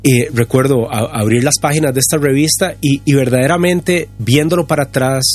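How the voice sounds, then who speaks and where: A man's voice: medium pitch, a little mellow, soft background music. A man, a pastor sharing his story earnestly, often stopping to restart his sentences. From Costa Rica. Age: 50s. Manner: earnest, halting with many restarts. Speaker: pastor and guest. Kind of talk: candid testimony on a podcast.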